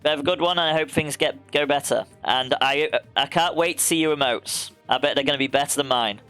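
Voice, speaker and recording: With soft background music, a young man streams a racing game and chats casually at a quick pace. His voice is on the high side, a bit bright and clean; he laughs a lot and calls viewers by name.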